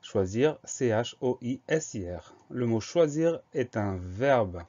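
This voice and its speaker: Un homme enseignant l'orthographe avec un accent français, qui épelle les mots lettre par lettre, de façon lente et patiente. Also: male voice, medium pitch, lively intonation, mellow, dull audio. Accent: French. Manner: slow, patient, spells letters one by one. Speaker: teacher. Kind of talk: spelling lesson, dictation.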